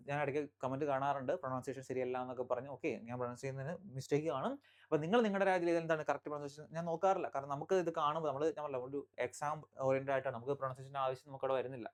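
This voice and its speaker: This is an exam-prep current affairs class led by a Kerala teacher with a mid-range voice. The teacher reads English headlines slowly, then explains them, while frequently checking in with listeners and repeating the important facts.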